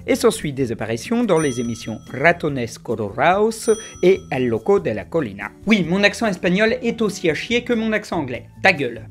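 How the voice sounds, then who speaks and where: Fast-talking male web host, animated. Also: fairly high pitch. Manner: rapid, animated delivery; sarcastic asides. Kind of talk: scripted commentary. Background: faint background music.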